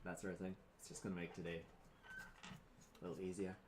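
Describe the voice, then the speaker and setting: A man's voice: low-pitched, little pitch movement, fast talker, noisy background. A man speaking casually as game master, narrating a tabletop game.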